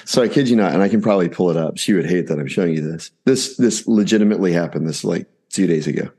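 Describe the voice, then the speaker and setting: Guy in his 40s on a podcast, lowish voice, animated storytelling, acts out the back-and-forth. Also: quick pace, breathy edge. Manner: animated, acts out family dialogue. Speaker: podcast guest. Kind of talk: casual anecdotal storytelling.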